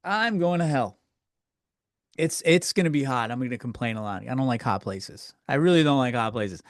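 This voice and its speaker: At normal speed and with lively intonation, this medium-pitched host is recorded dry at studio quality. His comedy podcast segment is a casual solo rant answering listener questions, crude, wandering, and self-mocking.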